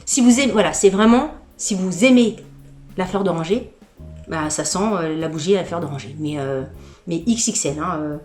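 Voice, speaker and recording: A lifestyle vlogger with a lowish voice does a casual unboxing at a moderate pace, in an echoey room with faint music behind her. Her tone is candid and gushing, and she often stumbles as she repeats words.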